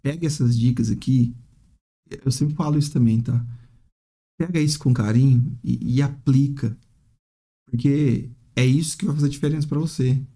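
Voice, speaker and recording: A man's voice: mid-range voice, moderate pace, dark tone. A man teaching English in a casual, chatty monologue, often ending phrases with tag questions and acting out hesitant students. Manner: chatty, frequent "né?" tags, acts out hesitant students.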